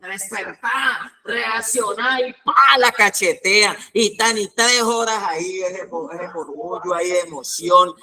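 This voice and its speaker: A man preaching a teaching sermon, animated, acting out little scenes and asking his listeners questions. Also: high voice. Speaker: pastor.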